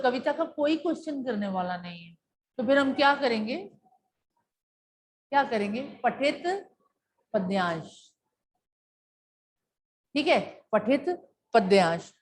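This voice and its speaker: A woman's voice: high voice, a little mellow, slight background noise. A woman teacher explaining a poem to her class, patiently repeating key points and asking questions that she then answers herself. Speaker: school teacher.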